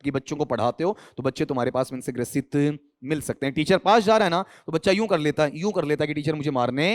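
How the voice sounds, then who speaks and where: A man's voice: a little high, lively intonation, fast. A male English teacher from India going through an exam answer key, quizzing students with constant questions and spelling words letter by letter.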